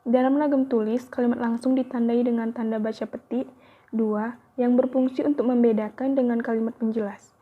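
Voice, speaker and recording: A woman's voice: on the high side, fairly even intonation, a little fast. A young woman, a university student, reads a grammar lesson aloud carefully, with small slips. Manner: careful, evenly paced reading with small slips. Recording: tinny phone-like audio.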